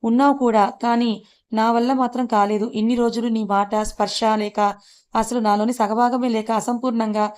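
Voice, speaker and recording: Audiobook voice of a stern young husband who scolds and reproaches his wife, his words quick and the tone mellow and dark, as a woman narrator reads him. The pitch stays a little high. The voice stays close and plain. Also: flat delivery, natural voice. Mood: hurt. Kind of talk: audiobook character reading.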